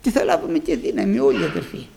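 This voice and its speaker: A man's voice: darkish tone, slight background noise. An older man preaching a fervent sermon, repeating phrases and calling out to his congregation as brothers. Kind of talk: Pentecostal sermon with personal testimony.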